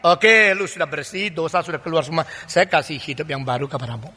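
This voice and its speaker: A man's voice: a little high, fairly quick, sharp tone. An older man preaching a sermon as a pastor, emphatic and full of rhetorical questions. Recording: long reverb of a large hall.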